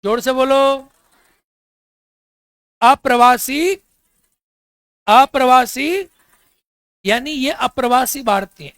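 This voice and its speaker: In a dry recording, a man with a very high, fairly bright voice lectures his class. He keeps making students repeat their answers, firing repeated questions at them and mixing in jokes and teasing along with the explanation.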